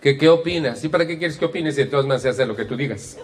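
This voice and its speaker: A man's voice: racing, some chatter behind, a little hiss or hum, close to an everyday voice. A man putting on the voice of a sulky, resentful complainer, whiny and sarcastic. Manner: whiny, sarcastic, high-pitched mimicry. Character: sulky resentful grumbler, passive-aggressive complainer.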